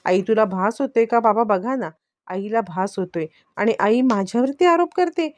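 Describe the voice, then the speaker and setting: A woman's voice: lively intonation, moderate pace, darkish tone, no room sound, close to an everyday voice. A woman voicing a scheming young woman who feigns innocence, whiny and pleading. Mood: pleading fake. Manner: whiny, pleading, high-pitched.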